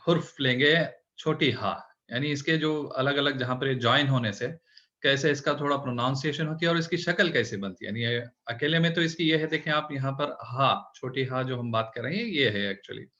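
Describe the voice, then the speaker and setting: A man's voice: mid-range voice, brisk, sharp tone, lo-fi sound. A man teaching a beginners' script lesson, explaining letter shapes patiently and step by step. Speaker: Urdu teacher. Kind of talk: online language lesson.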